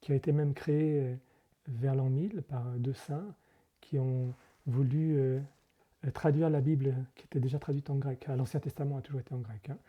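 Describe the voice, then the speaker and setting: This monk, interviewed in a relaxed conversational setting, has a mid-range male voice with fairly even intonation and a normal pace, captured on lo-fi audio. His explanations are careful yet halting, peppered with fillers and frequent self-corrections.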